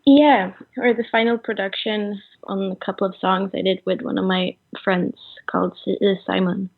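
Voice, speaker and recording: A woman in her twenties from Sweden, a musician answering interview questions over the phone in a halting way, full of fillers and trailing off. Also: medium pitch, fairly even intonation, creaky. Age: 20s. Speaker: musician guest. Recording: tinny phone line.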